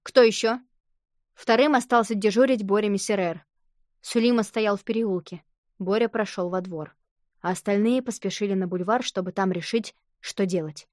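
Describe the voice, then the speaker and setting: A woman narrating a children's novel as an audiobook, reading in a lively, expressive way. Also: mid-range voice, normal speed, no echo, studio quality.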